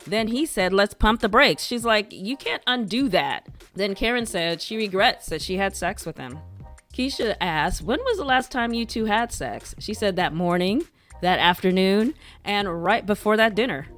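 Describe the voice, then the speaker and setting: A woman's voice: medium pitch, lively intonation, normal speed, soft background music. A woman hosting a reality TV recap show, narrating scripted gossip in a chatty, wry, opinionated way.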